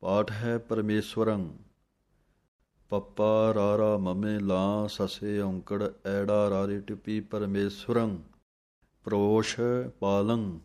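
A man teaching correct pronunciation of scripture. He chants the verses slowly, then explains the spelling in a quick, plain way. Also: fairly low pitch, flat delivery, darkish tone. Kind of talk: pronunciation lesson with slow chanted recitation.

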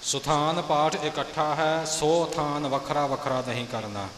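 Slow-speaking man teaching pronunciation. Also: a little high, steady tone, fairly bright tone, roomy sound, big-room sound, slight background noise. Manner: corrects pronunciation, chants then explains. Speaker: recitation teacher. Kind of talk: pronunciation instruction.

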